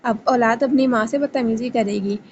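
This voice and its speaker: A woman's voice: a little high, highs cut off, a little hiss or hum, natural voice. A woman reading a scolding stern mother. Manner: scolding and sharp. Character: stern, bitter mother of a grown son.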